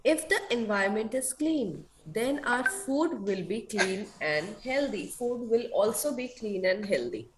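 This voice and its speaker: A woman's voice: on the high side, lively intonation, measured pace, hardly any pauses, heavy background noise. A woman with an Indian accent teaching an online children's class, asking checking questions and repeating key points. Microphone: online video call.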